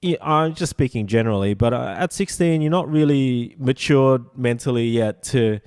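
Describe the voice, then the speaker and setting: A man in his forties hosting a casual podcast interview, asking rambling questions with halting restarts, fillers and casual swearing. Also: medium pitch, a little mellow, clean tone. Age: 40s. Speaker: podcast host.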